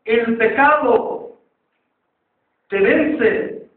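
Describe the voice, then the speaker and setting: A man preaching in Spanish who tells a story to his congregation, with drawn-out, emphatic phrases, heard on a tinny, echoey recording from far off. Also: very high-pitched. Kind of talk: sermon with storytelling. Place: church.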